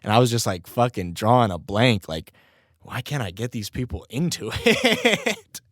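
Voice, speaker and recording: A young man with a medium-pitched, fairly bright voice and big pitch swings hosts his own podcast at a moderate pace. The rapper rambles casually, curses, and laughs at himself, his voice still slightly strained while recovering. It's a dry, studio-quality recording.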